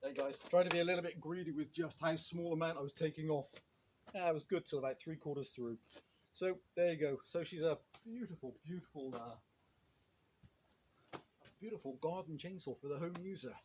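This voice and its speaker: A man on his own channel talks through a chainsaw in a loose, rambling way, full of restarts and fillers. His voice sits slightly high for a man. He is recorded outdoors, with clear background noise around him. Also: fairly quick. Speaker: chainsaw vlogger. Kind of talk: casual product review.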